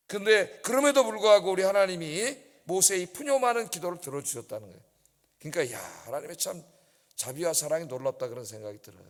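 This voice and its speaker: A male pastor preaching a dawn service sermon, animated and often putting rhetorical questions to the congregation. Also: a little high. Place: church sanctuary. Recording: church hall reverb.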